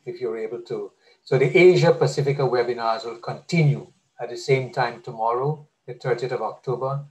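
A man's voice: mid-range voice, low-quality recording. A man hosting a webinar, thanking speakers and guests and announcing the next session in a courteous, plain way. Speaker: webinar host. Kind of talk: moderating a webinar.

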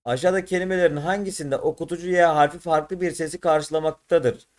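Teacher, male, slightly high voice, tired, thinks aloud and self-corrects. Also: fairly even intonation, brisk. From Turkey. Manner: thinks aloud, corrects himself mid-solution. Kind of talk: exam prep lesson.

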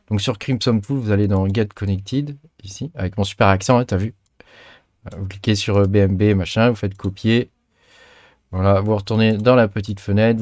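A man's voice: on the low side, dry recording, studio quality. A man giving a casual, chatty tutorial over a screen recording, full of fillers and tag words. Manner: chatty, many fillers and trailing "hein". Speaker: crypto mining channel host.

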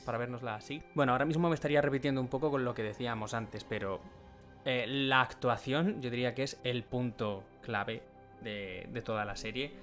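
A man's voice: mid-range voice, fairly even intonation, fairly quick, a bit bright, faint music behind. A man from co-hosting a podcast, chatting casually and explaining things at length. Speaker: podcast co-host. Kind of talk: casual chat.

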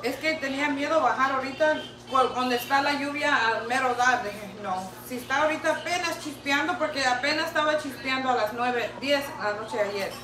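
Young mother co-hosting a livestream; excitable, high voice; echoey, distant, noisy audio. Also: a little fast, hardly any pauses, crowd noise. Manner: excitable, mixes in English words. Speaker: co-host, mother. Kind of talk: casual livestream storytelling.

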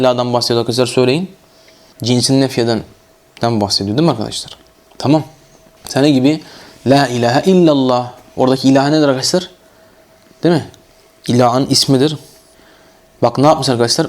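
A man with a Turkish accent teaching Arabic grammar in a classroom lecture. He reads the text aloud, explains it and keeps asking his students questions. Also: on the high side.

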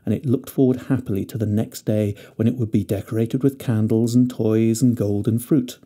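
Man reading a fairy tale in a dark, mellow voice. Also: on the low side, moderate pace. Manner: gentle, expressive storytelling. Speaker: narrator.

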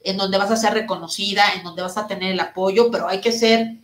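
A woman therapist and speaker answering audience questions in a live online talk, speaking loudly and emphatically and asking her listeners questions. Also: medium pitch, fairly even intonation, brisk, echoey room, low-quality recording. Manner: addresses listeners directly with rhetorical questions.

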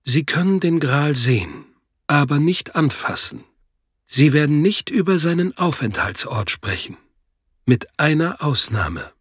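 A man reads as a grave old priest in a storybook audio drama. The voice sits low and measured, slightly husky, with an unhurried, solemn weight. It is dry and close to the mic. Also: fairly bright tone, no echo, full character voice.

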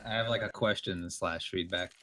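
A man's voice: low-pitched, steady tone, bright, forceful tone, a little hiss or hum. A man in a gaming voice chat, casually asking questions about a level. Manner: quick, casual, asks questions.

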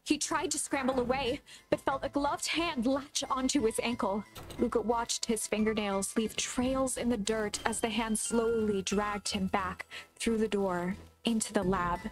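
A woman's voice: fairly high pitch, steady tone, unhurried, close to an everyday voice. A woman acting as a solemn storybook narrator for a mystery game, telling the tale in a scripted dramatic style. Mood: solemn, ominous. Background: music.

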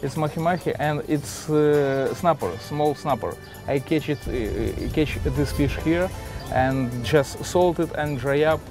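A man with a Russian accent speaking halting, simple English in a casual interview, often repeating words. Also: fairly high pitch. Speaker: adventurer and sailor, interviewee. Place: on a sailboat in a marina, cockpit and cabin. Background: music.

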